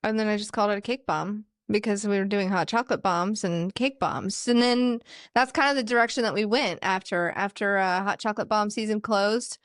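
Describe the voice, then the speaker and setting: A woman's voice: medium pitch, brisk, no room sound. A woman talks as a podcast guest in an easy, candid way. She swears freely and laughs often. Her voice sits in a middle range, and the recording is dry and close. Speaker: guest, dessert business founder. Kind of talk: casual podcast chat.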